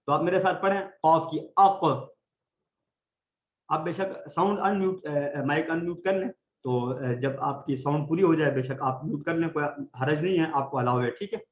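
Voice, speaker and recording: A man teaching Quran recitation in an online class, patiently explaining and slowly demonstrating letter sounds for his students to repeat. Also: on the high side, roomy sound, dull audio.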